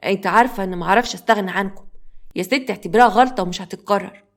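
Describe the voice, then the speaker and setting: A woman's voice: medium pitch, racing, lightly acted. A woman voicing a remorseful middle-aged husband with an Egyptian accent, talking in an apologetic, placating way.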